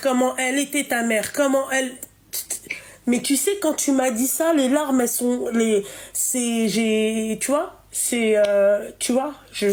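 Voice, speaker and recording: Une femme qui anime un direct en ligne et sermonne une appelante avec insistance, en se répétant. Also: female voice, on the high side. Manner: scolding, emphatic, repeats herself. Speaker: live stream host. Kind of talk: live call-in chat.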